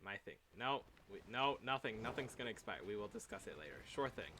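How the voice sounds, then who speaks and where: A man's voice: on the low side, expressive, a little fast, over music. A young man streaming a game, chatting casually and playfully with his viewers, laughing often. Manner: playful, chatty, reads chat aloud, frequent laughs. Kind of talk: casual livestream chat.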